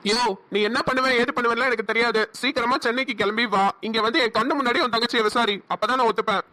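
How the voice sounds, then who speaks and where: Cartoon heavy: a menacing male cop, Namakkal Tamil accent, bright and high. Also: fairly even intonation, fast talker. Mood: contemptuous. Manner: scornful, threatening. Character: arrogant young male police groom, menacing. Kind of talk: cartoon voice acting.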